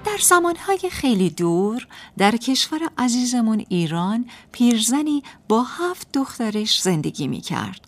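Lively woman narrating a folk tale. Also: fairly high pitch, faint music behind. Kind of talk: scripted storytelling narration.

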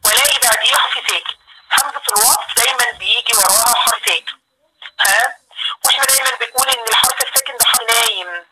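A woman with an Egyptian accent teaching an online class over the phone, patient and encouraging, drawing out words slowly to demonstrate. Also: mid-range voice, heavy background noise. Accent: Egyptian Arabic. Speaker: Quran recitation teacher.

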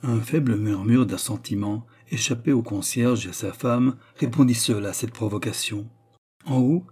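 A man narrating a classic novel as an audiobook with a steady storytelling delivery. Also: medium pitch, moderate pace, slightly rough.

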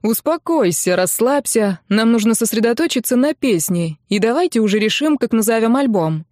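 A woman's voice: a little high, expressive, darkish tone, no echo, pitched above the performer's own voice, lightly acted. A woman reading the lines of a cheeky, impatient young male rock musician who teases and snaps, in a dry audiobook recording. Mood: teasing. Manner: brisk, teasing and snappy.

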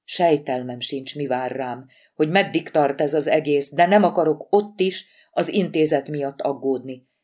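A woman's voice: low voice, darkish tone. A woman voicing a tense, anxious middle-aged woman who runs an institute, in an audiobook. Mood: worried.

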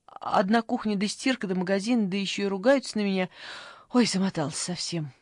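A woman's voice: medium pitch, no room sound, clean studio sound, voice pushed up, close to an everyday voice. A woman doing a flustered old grandmother. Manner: fretful, hurried, stammering. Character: elderly grandmother, flustered and complaining. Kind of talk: audiobook character voice.

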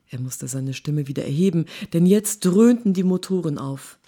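A woman author giving a lively, expressive reading from her novel at a live stage event. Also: sits low.

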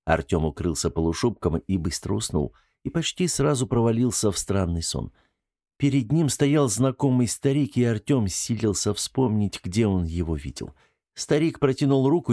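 A man reading a fantasy audiobook as narrator in an even, measured way. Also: fairly low pitch, dry recording, studio quality. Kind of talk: scripted narration.

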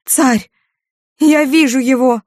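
A woman reading an audiobook, voicing a grief-stricken young woman who cries out in a high, loud, frenzied voice. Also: slow pace, no room sound, studio quality.

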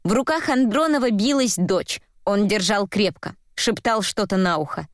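A woman tells the story in an even, measured voice of middle pitch. The recording is dry and close, with no room sound. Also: dry recording. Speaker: audiobook narrator. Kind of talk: scripted narration.

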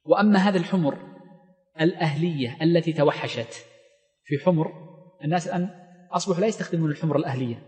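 A man's voice: fairly high pitch, fast talker, pauses often, darkish tone, in a large hall. A man teaching a lesson on Islamic law, reading lines from a text and then explaining them with many fillers and restarts. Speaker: Islamic scholar teaching fiqh.

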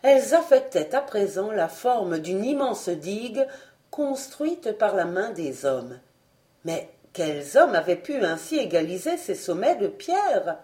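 A woman reading an audiobook aloud as scripted narration, measured and expressive. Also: mid-range voice. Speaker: audiobook reader.

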